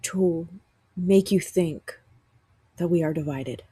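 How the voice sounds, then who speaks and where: Sick and rough-voiced, a woman podcast host speaks earnestly from her couch at home in a reflective spiritual monologue, often restarting her sentences. Her voice is on the low side, slow, and dark in tone, and the recording is dry.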